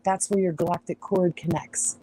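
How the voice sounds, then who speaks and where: Mellow-voiced woman chatting on a livestream. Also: on the low side, steady tone, moderate pace, rough recording. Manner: rambling, chatty, laughs often, sidetracks. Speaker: astrology livestream host. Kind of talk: casual live-stream chat. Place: outdoors on a farm.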